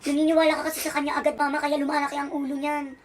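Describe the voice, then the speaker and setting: A woman's voice: sits high, little pitch movement, very fast, close to an everyday voice. A woman playing a young eldest brother who protests whiny and defensive.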